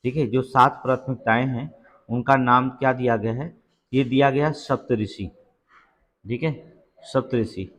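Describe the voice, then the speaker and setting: A man's voice: mid-range voice, steady tone, a little slow, pauses often, fairly bright tone. A man teaching an exam-prep lesson, reading out quiz questions and repeating each answer with frequent check-ins. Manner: reads questions then repeats answers, many "theek hai" checks.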